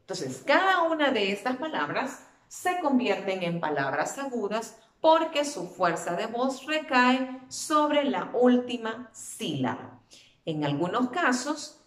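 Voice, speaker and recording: A woman teacher giving a spelling lesson to children, patiently drawing out and repeating words as she explains. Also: fairly high pitch. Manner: patient, drawn-out repetition of words. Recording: echoey room.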